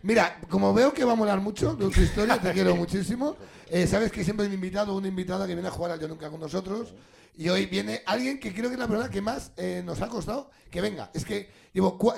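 A man's voice: high-pitched, vocal fry, a little mellow. A man hosting a live comedy game show on stage, joking, teasing his guests and swearing a lot. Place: stage before a live audience.

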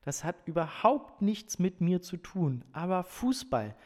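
A man reading aloud, voicing an earnest football coach who stresses his words slowly. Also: medium pitch, a little mellow, big-room sound, natural voice. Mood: dismissive. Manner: emphatic, slow stressed words.

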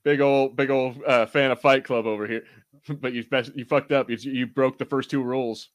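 This podcast co-host, a man with a steady, mid-range voice, chats at a moderate pace. It's loose episode-review banter, rambling along with the odd swear word.

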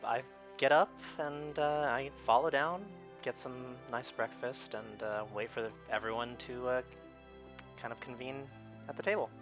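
A man's voice: mid-range voice, fairly even intonation, measured pace, fairly bright tone, highs cut off, faint music behind. A man playing in a tabletop game, speaking hesitantly with fillers. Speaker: player. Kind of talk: casual in-character chat.

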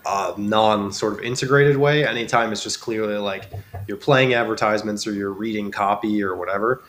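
A man with a nasal, congested voice from a cold chats casually and dryly as a podcast guest. His voice is on the low side, a bit bright and a little fast, and the background is clearly noisy.

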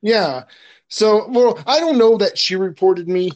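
A man's voice: high voice, a little slow, a little mellow, dull audio. A man guesting on a podcast, chatting casually in a laid-back, rambling way, laughing often and swearing freely. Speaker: podcast guest, film director.

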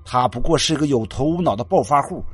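A man voicing a jealous, obsessive young man in a spoken ghost story, shouting in a raised voice. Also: expressive, fast, breathy edge, dry recording, faint music behind. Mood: furious. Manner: shouting, raised pitch, laughing madly.

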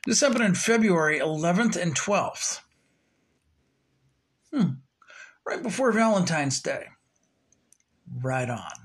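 A man's voice: high-pitched, fairly bright tone. A man hosting his own podcast, chatting in a loose, rambling way with plenty of fillers. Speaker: podcast host. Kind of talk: casual solo podcast talk.

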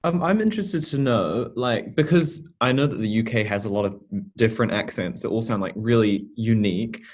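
A man's voice: on the low side, brisk. A man from New Zealand with a New Zealand accent asking curious questions in a casual group video chat, filling with "like". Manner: curious, frequent likes.

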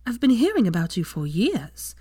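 A woman voicing a gracious lady in an old portrait who welcomes the newcomer warmly. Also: medium pitch, huge pitch swings, moderate pace, slightly rough, dry recording, studio quality, voice pushed up. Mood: welcoming. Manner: warm, welcoming.

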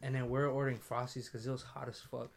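A man's voice: mid-range voice, flat delivery, fast talker, gravelly. A young man hosting a podcast, telling funny stories in casual, profane chat and laughing often. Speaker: podcast host.

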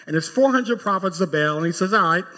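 A pastor with a bright, ringing voice, set a little high for a man, preaches in an emphatic way. His voice climbs to forceful peaks as he retells scripture. A long reverb from a church sanctuary hangs on every line. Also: lively intonation, fast. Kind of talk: sermon.

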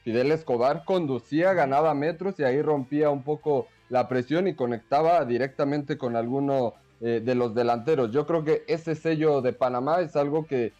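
A man giving conversational football analysis in a hesitant, measured way. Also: medium pitch, mellow, highs cut off, faint music behind.

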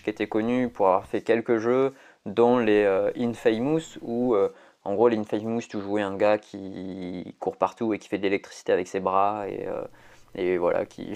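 A man's voice: lowish voice, gravelly, a little mellow. A man, chatting casually as a podcast co-host, rambling with lots of fillers and restarts. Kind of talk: casual chat.

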